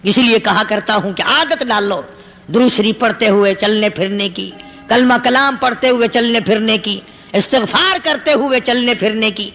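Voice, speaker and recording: A man's voice: high voice, gravelly, bright, forceful tone, in a large hall, faint music behind. A man preaching a sermon in an emphatic, rhythmic way, stacking repeated phrases. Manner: emphatic, rhythmic, repetitive lists.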